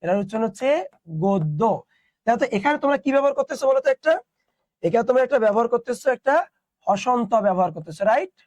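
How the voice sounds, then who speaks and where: A man's voice: very high voice, lively intonation, racing, no echo. A young man teaching an online class, explaining step by step and asking his students questions.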